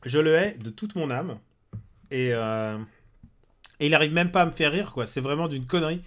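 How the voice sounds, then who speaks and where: A man's voice: on the high side, moderate pace, a bit bright. A man co-hosting a film podcast in casual chat, hesitant with many fillers and bluntly scornful. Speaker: podcast co-host.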